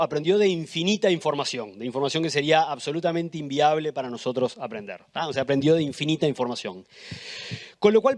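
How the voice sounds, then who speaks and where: A man with a Uruguayan accent giving an explanatory conference talk, with animated emphasis and frequent restarts. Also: on the high side. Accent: Uruguayan Spanish. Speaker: conference speaker. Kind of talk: live educational talk.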